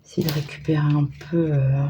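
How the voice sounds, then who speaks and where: A craft vlogger with a low voice and flat delivery chats casually while working on an art journal page, speaking fairly quickly over background noise. She thinks aloud with hesitations and small self-mocking remarks.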